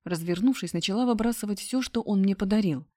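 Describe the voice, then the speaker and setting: A woman's voice: medium pitch, quick pace, a little mellow. Woman reading a subdued audiobook. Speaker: audiobook narrator. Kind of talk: first-person scripted narration.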